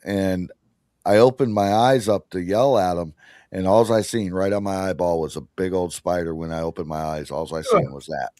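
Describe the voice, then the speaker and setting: A man's voice: deep voice, moderate pace, darkish tone, dry recording. A man hosting a podcast, telling a rambling story in casual chat, interrupting himself and laughing often. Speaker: podcast host.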